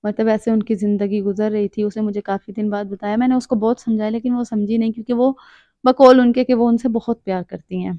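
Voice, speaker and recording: A woman's voice: mid-range voice, fairly even intonation, mellow, no echo. A young woman from Pakistani Punjab telling a personal story in an earnest, reflective and advising way. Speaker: storyteller and author. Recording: dull, dry lo-fi recording.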